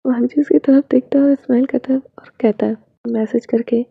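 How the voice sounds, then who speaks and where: Woman reading fan fiction in a gravelly, husky voice. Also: high voice, fairly even intonation, fairly quick, no room sound. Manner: switches between narration and characters with little change of voice. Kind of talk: reading a romance story aloud, doing all parts. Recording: dull lo-fi home recording.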